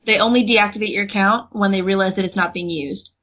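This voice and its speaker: A young woman co-hosts a podcast, talking freely in casual chat with a medium-pitched, fast, slightly bright voice. She is chatty, laughs often and uses many fillers. The recording is muffled and lo-fi.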